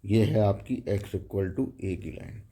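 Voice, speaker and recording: Guy teaching math on a whiteboard, lowish mellow voice, walks through each step. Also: takes it slowly. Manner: explains step by step, checks in with the class.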